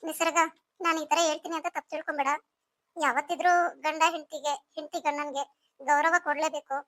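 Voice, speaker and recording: A woman voices a gentle, caring older sister in a cartoon story, coaxing and soothing in a very high, bright voice that moves fast with a level tone. The recording is close and dry, with no room sound.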